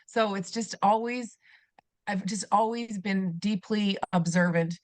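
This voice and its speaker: A middle-aged Canadian woman whose first language is German, a former teacher, speaks as a podcast guest in a conversational interview. Her medium-pitched voice is unhurried and recorded with no echo. She sounds earnest and reflective, often restarting sentences and using many fillers.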